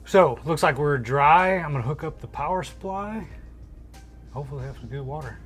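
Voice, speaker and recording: A man's voice: on the high side, lively intonation, moderate pace, soft background music. A man inside a small camper giving a casual, hands-on installation tutorial, plain-spoken and thinking aloud as he works. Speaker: DIY RV vlogger.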